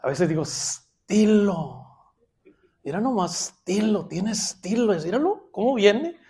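A man preaches to his congregation. He talks playfully, going from loud, emphatic lines to quiet, confiding asides. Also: high-pitched, expressive, unhurried, breathy edge. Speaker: pastor. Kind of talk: sermon.

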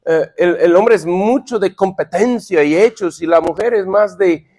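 High-voiced man teaching married men. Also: a little mellow. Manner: halting, many fillers and repeated words; playful, acts out quips for laughs. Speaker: pastor leading a men's Bible study. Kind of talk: sermon lesson to married men.

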